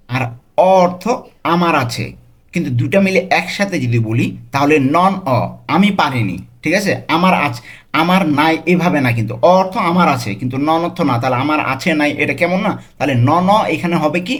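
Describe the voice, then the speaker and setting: A man's voice: expressive, a bit bright. A man teaching a language lesson, repeating short phrases word by word and explaining each one. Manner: breaks phrases into single words, repeats them slowly; pitch jumps up on quoted phrases. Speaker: language tutor. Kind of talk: teaching Italian phrases in Bengali.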